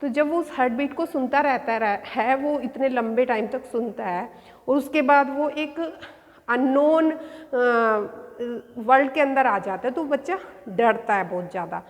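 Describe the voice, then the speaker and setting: Woman teacher, high voice, Hindi-mix, repeats and rephrases points, long reverb. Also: unhurried. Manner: explains in Hindi mixed with English terms, repeating points. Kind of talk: classroom lecture explaining an essay.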